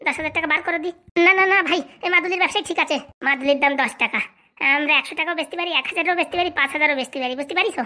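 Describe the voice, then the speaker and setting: A woman's voice: sits high, pushed and bright. A woman voicing a scheming young male con man posing as a holy fortune-teller in a comic cartoon, bossy and scolding. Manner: bossy, fast-talking, scolding.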